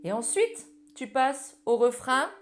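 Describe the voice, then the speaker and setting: A woman's voice: high-pitched, very animated, slow, over music. Woman teaching ukulele, chatty. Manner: friendly, informal, addresses viewer as tu. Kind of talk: casual music tutorial. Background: ukulele playing.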